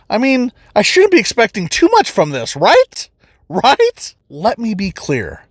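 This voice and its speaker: A man reviewing a movie in a jokey, animated way, with mock-panicked asides. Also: high-pitched, no echo, studio quality.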